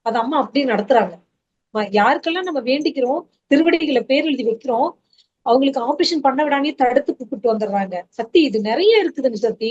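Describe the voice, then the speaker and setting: A middle-aged woman speaks a heartfelt testimony in a fairly high voice, earnest and fervent, her voice rising with feeling. The recording sounds dull and lo-fi. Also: darkish tone. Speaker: devotee giving testimony. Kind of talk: emotional spoken testimony.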